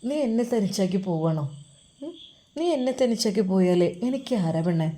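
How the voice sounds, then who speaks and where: A woman voicing a gentle young male caretaker who softly coaxes and comforts a distressed girl in a told story. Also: mid-range voice, lively intonation, moderate pace, natural voice. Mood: soft coaxing. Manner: soft, coaxing, tender.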